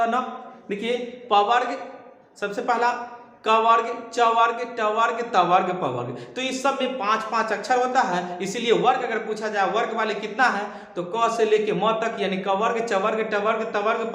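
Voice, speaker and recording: A man teaching a grammar lesson who repeats key phrases, asks his students rhetorical questions and dictates slowly word by word. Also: high-pitched, fairly bright tone. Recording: very echoey room with long reverb.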